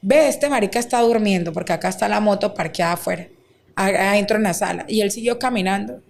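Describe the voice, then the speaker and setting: A woman, a guest recounting a deeply painful personal story, acting out quoted dialogue with many fillers. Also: quick pace, vocal fry. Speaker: interview guest. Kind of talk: emotional personal testimony.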